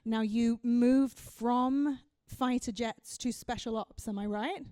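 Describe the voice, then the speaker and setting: Woman, host, fairly high voice, dry sound, enthusiastic, effusive. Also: steady tone, slow, dark tone, no echo. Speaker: host and interviewer. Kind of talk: live on-stage interview.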